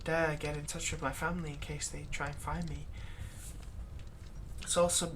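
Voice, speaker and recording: A woman voices a vampire's long-suffering human thrall in a dramatic ASMR roleplay monologue, her low voice delivered flat and sounding weary and regretful. She speaks in a halting, conversational, sardonic way, pressing hard when aggrieved as the exasperated servant pleads and then grows menacing toward her master. Some background noise is audible.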